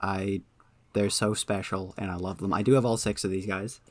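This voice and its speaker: A man's voice: low-pitched, steady tone, normal speed, a little mellow, dry recording. A man hosting a casual podcast, talking at length with lots of ums and eager enthusiasm. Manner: rambling, many ums, enthusiastic. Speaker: podcast host. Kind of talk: casual chat.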